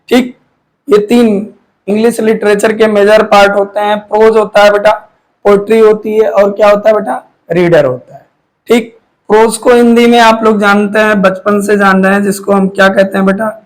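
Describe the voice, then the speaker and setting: A man's voice: high-pitched, poor audio. A man teaching, who asks questions and answers them himself, often repeating key words. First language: Hindi. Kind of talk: classroom lecture.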